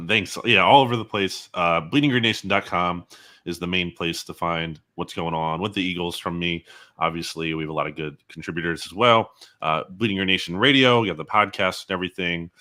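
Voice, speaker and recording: Speaking in a very low voice that is bright and punchy, a man gives football analysis as a guest in an interview. He works through his arguments carefully and analytically.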